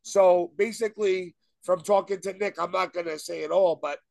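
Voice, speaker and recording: High-pitched podcast guy rambling excitedly, swears a lot, dry close mic. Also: moderate pace, gravelly, no room sound. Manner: excitable, laughs hard, swears, loose rambling storytelling. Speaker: podcast co-host. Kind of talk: casual chat.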